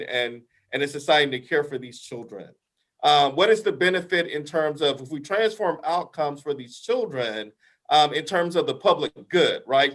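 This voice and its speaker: An invited expert with a big, fairly high and fairly bright voice advises a council during a video-call meeting. He speaks emphatically, keeps tagging his points with "right?", and restarts his sentences a lot.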